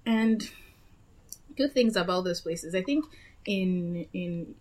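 Young Nigerian woman, casual chat, lowish register, rambling and self-correcting. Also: animated, slow, a little mellow. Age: young adult. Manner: chatty, meandering, with frequent self-corrections. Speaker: guest.

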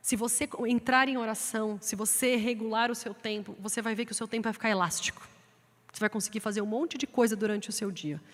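A woman with a Brazilian Portuguese accent preaching a sermon in a lively way, acting out quoted voices. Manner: lively, acts out quoted voices in a raised pitch. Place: church sanctuary. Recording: long hall reverb from the church sanctuary.

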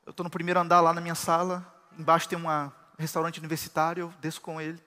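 Male pastor, high voice, sermon in a reverberant hall. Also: monotone, rapid-fire. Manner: preaching with rising shouts of praise.

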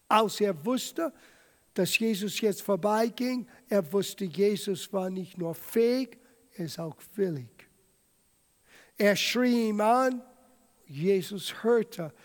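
High-voiced preacher with gravelly edge. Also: male voice. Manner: emphatic, dramatic retelling of scripture. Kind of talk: sermon. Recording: long hall reverb.

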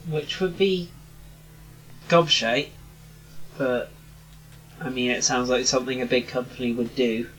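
A man in his twenties, a podcast co-host in casual chat, rambling with many pauses and restarts. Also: mid-range voice, steady tone, a bit bright, poor audio.

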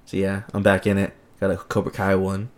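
Brief: young male co-host, deadpan and easygoing, lowish voice. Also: brisk, a crowd in the background. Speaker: podcast co-host. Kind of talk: casual podcast banter.

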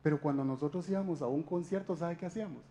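A man's voice: fairly high pitch, fast talker, warm tone, slight background noise. A man giving a conversational sermon talk, speaking directly to his listeners with frequent rhetorical questions. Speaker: church speaker.

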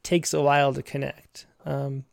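Guy hosting a poetry show, kinda hesitant and chatty, creaky voice, very dry recording. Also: medium pitch, flat delivery, moderate pace, no echo. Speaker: host of online poetry show. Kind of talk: casual hosting and poem reading.

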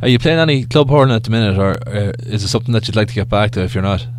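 Quick-talking male interviewer. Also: lowish voice, slight background noise. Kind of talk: casual interview questioning.

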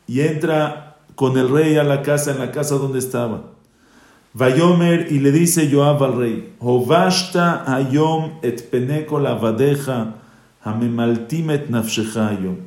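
Guy giving a torah class, reads the hebrew verse then explains it, gets loud and pushy on the quotes, echoey room. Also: fairly high pitch. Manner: reads Hebrew verses then translates, rising and emphatic when quoting. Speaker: rabbi teaching a class.

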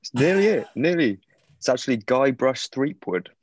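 A man's voice: medium pitch, very animated, normal speed. A man playing along in a casual quiz, answering in a matter-of-fact way. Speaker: quiz contestant. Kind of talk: casual podcast quiz chat.

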